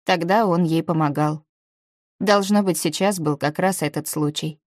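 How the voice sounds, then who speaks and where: A woman with a low voice narrates a first-person novel in measured, even storytelling, holding a steady audiobook pace. The recording is close and dry, with no room sound and no echo.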